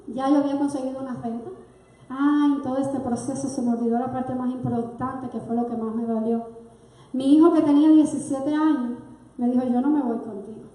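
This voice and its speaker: High-voiced woman testifying in church. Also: warm tone. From Cuba. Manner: earnest, emotional, speaks straight to the congregation. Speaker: church sister giving testimony. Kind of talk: personal testimony in a sermon. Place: church sanctuary. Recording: very echoey church hall.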